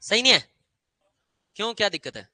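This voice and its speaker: A man's voice: high voice, big pitch swings, a little fast, pushed and bright, no room sound. A man teaching English grammar to a class, quizzing students and having them repeat rules aloud. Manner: drills students with call-and-response repetition; quizzing, asks many short questions.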